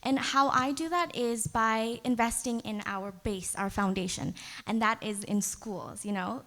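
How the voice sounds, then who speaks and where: A young woman answering a pageant interview, her voice sitting a little high. She speaks earnestly and pauses on fillers as she gathers her thoughts. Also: a bit bright. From United States and Nepal. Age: young adult. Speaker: pageant contestant.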